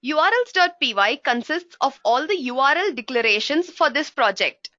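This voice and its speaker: A woman with a high, bright voice teaches a live coding tutorial. She walks through each step and keeps addressing her listeners as guys. Her voice comes through a dull, dry livestream headset mic with no room sound. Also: expressive, moderate pace, dry recording. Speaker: programming instructor.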